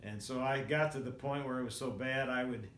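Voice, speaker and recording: A man in his sixties telling personal stories in a casual, rambling and reflective way, often halting mid-thought. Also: mid-range voice, steady tone, a bit bright. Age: 60s. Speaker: vlogger. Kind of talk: casual personal storytelling to camera. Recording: roomy echo, faint background noise.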